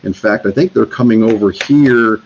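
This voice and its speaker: A man's voice: lowish voice, moderate pace, a little mellow, a little hiss or hum. Rambling man on a livestream, lo-fi. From Northeast Florida. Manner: rambling, many fillers and restarts. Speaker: homesteading channel host. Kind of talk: casual livestream chat. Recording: slightly dull lo-fi sound.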